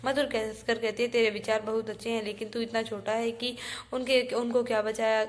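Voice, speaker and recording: A woman's voice: a little high, flat delivery, fairly quick. A woman teacher reading a textbook play aloud to her students, often stopping to repeat and restart words.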